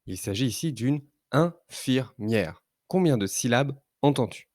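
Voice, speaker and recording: Slow, careful male reading teacher. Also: mid-range voice, animated, darkish tone, dry recording, clean studio sound. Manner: slow, careful, drawn-out syllables. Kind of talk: slow reading lesson for young children.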